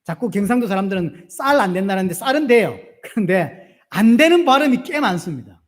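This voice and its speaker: Lively, high-voiced Gyeongsang pastor preaching. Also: male voice, fairly quick. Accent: Gyeongsang Korean. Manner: animated, asks the congregation questions and answers them himself. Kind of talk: sermon.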